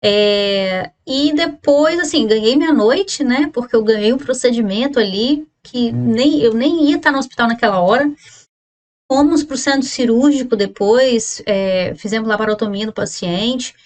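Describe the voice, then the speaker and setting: A woman in her thirties with a Brazilian Portuguese accent, a surgeon telling a story in a casual, animated vlog style with many restarts. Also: a little high, normal speed. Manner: chatty, animated retelling with restarts.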